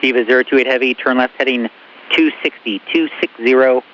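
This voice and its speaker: A man's voice: mid-range voice, fairly even intonation, a little fast. A man working as an airport tower controller, giving air traffic instructions over the radio. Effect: radio transmission. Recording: muffled radio with faint hiss.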